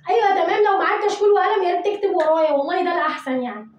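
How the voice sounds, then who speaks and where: A woman with an Egyptian Arabic accent teaching English vocabulary to children, repeating each word slowly and coaxing pupils to say it after her. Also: extremely high pitch, expressive, echoey room, muffled recording.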